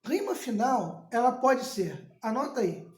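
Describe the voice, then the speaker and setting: A male teacher explains at a slow, deliberate pace. He repeats words and restarts as he works through each point. The room gives his voice a noticeable echo. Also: very high voice, sing-song, darkish tone. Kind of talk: recorded classroom lesson. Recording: echoey room.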